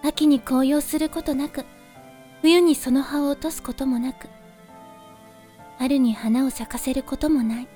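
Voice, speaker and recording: A woman voicing a soft, calm and gently teasing young woman who guards a moonlit forest, in a voice drama. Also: sits high, a little slow, pauses often, faint music behind. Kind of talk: voice drama acting.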